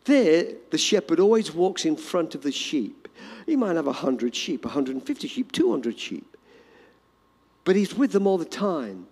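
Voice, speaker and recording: A man delivers a sermon in a fairly high voice that rises and falls a lot. He swings between loud, urgent emphasis and soft, hushed storytelling. His words carry a long reverb, as if spoken in a large church hall. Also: big pitch swings, moderate pace, slightly rough. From Australia. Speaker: pastor.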